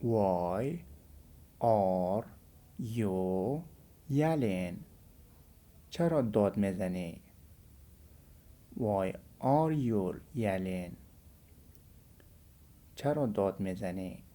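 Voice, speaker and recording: Male English tutor, Persian accent, low and mellow, drills phrases slowly. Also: lively intonation. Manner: repeats English phrases slowly, then translates. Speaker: English teacher. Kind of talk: language lesson.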